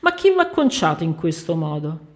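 A woman's voice: low voice, big pitch swings, moderate pace. Woman doing a jolly fatherly old priest. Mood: amused. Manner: chuckling, fatherly.

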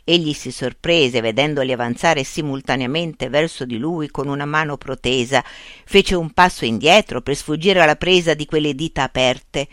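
A narrator reading a classic story aloud in a measured, expressive storytelling manner. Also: mid-range voice, no room sound, studio quality. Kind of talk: scripted audiobook narration.

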